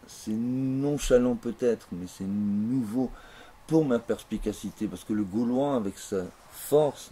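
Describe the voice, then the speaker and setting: A man giving a grandiose, declamatory mystical monologue in an interview, slow and emphatic. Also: fairly low pitch, mellow, slight background noise.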